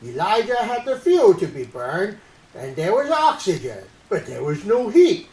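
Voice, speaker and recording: A woman voicing a timid, science-loving monkey uncle in a children's puppet show, telling stories with deliberate expression. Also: medium pitch, very animated, darkish tone, husky, full character voice, poor audio. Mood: earnest, explaining. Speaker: storyteller and co-host.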